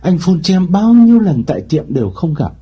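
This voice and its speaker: Storybook philanderer read by a man: eager, flattering, dark husky voice. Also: high-pitched, fairly quick, voice pushed up, full character voice. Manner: eager, ingratiating, feigns surprise. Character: smooth-talking philandering young man.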